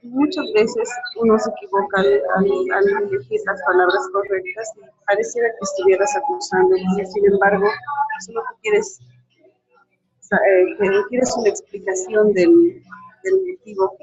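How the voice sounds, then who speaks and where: A woman's voice: fairly high pitch, big pitch swings, normal speed, darkish tone, dull audio. A woman taking part in a coaching class, asking a question hesitantly over a video call. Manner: hesitant, restarts words. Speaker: course participant.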